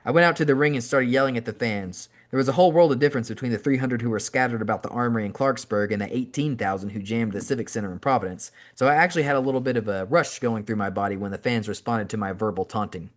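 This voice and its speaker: A man, the host, reading a memoir aloud as an audiobook, narrating in an animated first-person storytelling style. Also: medium pitch, quick pace, hardly any pauses.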